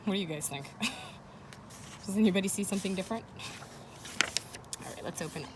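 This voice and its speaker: A woman teacher reads aloud from a children's chapter book at a moderate pace, her voice medium in pitch. Casual, encouraging asides and questions to her listeners punctuate the reading. Kids playing nearby keep the background noisy.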